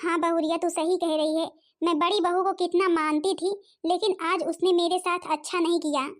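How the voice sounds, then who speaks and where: A woman's voice: extremely high pitch, little pitch movement, normal speed. A woman voicing a fretful, self-pitying old mother-in-law in a cartoon, complaining plaintively. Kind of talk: Hindi cartoon voice acting.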